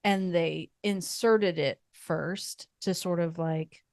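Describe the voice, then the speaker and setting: Female co-host, young adult, unhurried musing delivery, dry close-mic sound. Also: on the low side, fairly even intonation, no echo. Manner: thoughtful, meandering, with fillers and soft laughs. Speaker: podcast co-host. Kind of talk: casual faith podcast chat.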